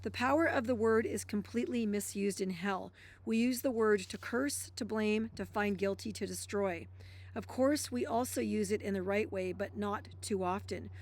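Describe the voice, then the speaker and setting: A woman's voice: medium pitch, moderate pace. A woman who reads passages from a self-help book aloud and breaks off into emphatic, blunt commentary.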